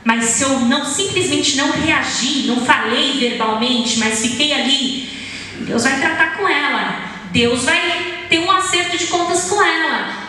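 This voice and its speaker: A woman preaching a sermon, reading scripture aloud in an animated way and changing her voice for the people in the story. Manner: animated, shifts pitch to act out quoted speakers. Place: church hall. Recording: echoey hall, voice from far off.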